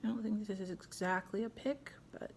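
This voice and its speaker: A woman's voice: mid-range voice, brisk, gravelly, a little hiss or hum. A middle-aged woman hosting a casual crafting tutorial at home, chatting and thinking aloud as she works. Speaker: craft video host.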